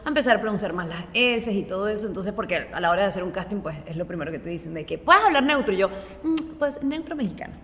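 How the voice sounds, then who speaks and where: A woman's voice: on the low side, racing, hardly any pauses, big-room sound, slight background noise. A woman in her late twenties from Venezuela with a Venezuelan accent, a blogger chatting as a guest, full of "o sea" fillers. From Maracaibo, Venezuela. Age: late 20s. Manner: chatty, leans on "o sea, como que" fillers. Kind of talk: casual interview chat.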